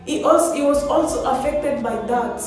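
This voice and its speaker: A woman's voice: sits high, moderate pace, a little mellow. A woman giving a motivational speech in an earnest, exhorting way, repeating phrases for emphasis. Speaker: motivational speaker. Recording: very echoey, distant mic, music behind.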